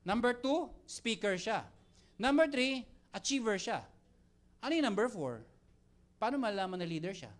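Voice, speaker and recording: A young man giving a lively motivational talk to a live audience, joking and quizzing the crowd as he mixes Tagalog and English. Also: sits high, normal speed, long pauses. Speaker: mentor speaking to network marketing team.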